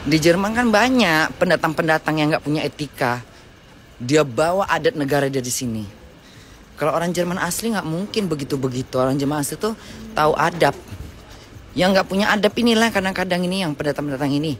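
A middle-aged woman ranting loudly and crudely to her viewers while walking a city street. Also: low-pitched, lively intonation, brisk, a little hiss or hum. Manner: brash, loud, foul-mouthed ranting to viewers. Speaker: live streamer. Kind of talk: casual live-stream chat while walking. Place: outdoors on a city street with traffic.

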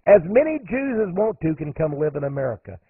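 A radio host delivers an emphatic monologue in a husky, higher-than-average male voice, moving a little fast with big pitch swings and rising sharply on the points he stresses. The audio is narrow and phone-like, like radio, and completely dry.

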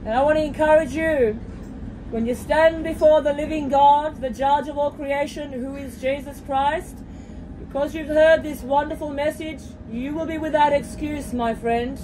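Woman preaching loud on a train, high voice, phone recording with lots of train rumble. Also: fairly even intonation, moderate pace. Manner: fervent, repeated hallelujahs and direct appeals. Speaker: street preacher. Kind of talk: preaching aloud to train passengers. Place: inside a moving commuter train. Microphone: phone camera held by the preacher.

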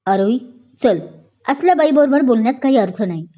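A woman's voice: high voice, lively intonation, fairly quick, warm tone. A woman voicing a stern young male police inspector who scolds curtly and sounds exasperated, in a dull lo-fi recording.

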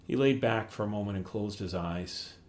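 A middle-aged man reads aloud from a memoir he wrote. His voice sits a bit low for a man, and he tells the story in a plain, measured way. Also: slight background noise. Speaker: author reading his memoir. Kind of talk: memoir reading.

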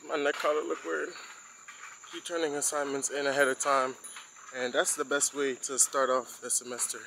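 A man's voice: mid-range voice, poor audio. Young college guy vlogging outside on his walk to class, easygoing chatty tone, faint outdoor noise. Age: young adult. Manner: relaxed, loose and conversational. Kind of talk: casual walking vlog. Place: outdoors on campus, walking.

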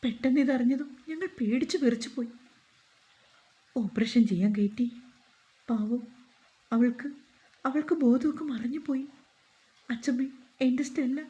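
A woman's voice: fairly high pitch, dark tone, lo-fi sound, natural voice. A woman voicing a young man, injured and weeping over his wife's accident. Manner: tearful, faltering. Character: injured young husband, grieving, devoted.

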